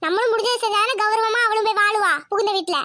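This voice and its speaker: A woman's voice: very high voice, steady tone, rapid-fire, sharp tone, no echo, clean studio sound. A woman voicing an anxious, devout middle-aged mother in a cartoon who scolds and wails. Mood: fretful. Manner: scolding, wailing and fretful. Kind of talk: cartoon voice acting.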